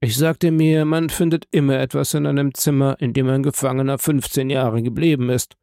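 A man's voice: medium pitch, level tone, moderate pace, creaky, dark tone, dry recording, clean studio sound, voice pushed up, natural voice. A man voicing a humble, eager old prison guide in an audiobook, speaking in a deferential, wondering way. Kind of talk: audiobook character reading.

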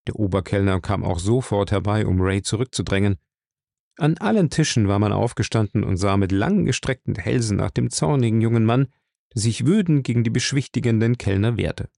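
A man narrating an audiobook in a steady, dramatic storytelling manner. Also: lowish voice, brisk, vocal fry, no room sound, studio quality. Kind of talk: scripted narration.

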